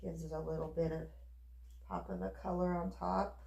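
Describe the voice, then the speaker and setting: A woman giving a casual, chatty craft demonstration, unhurried and sometimes half talking to herself as she works. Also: fairly low pitch, level tone, vocal fry, dark tone. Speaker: soap maker demonstrating her craft. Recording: echoey room.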